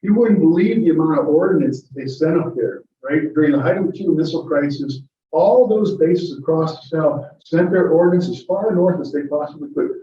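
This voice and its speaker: Heard from afar in an echoey, muffled lecture room with slight background noise, this man answers audience questions as a guest lecturer. His fairly high, warm voice moves briskly, and he chuckles through a chatty, wandering informal Q&A.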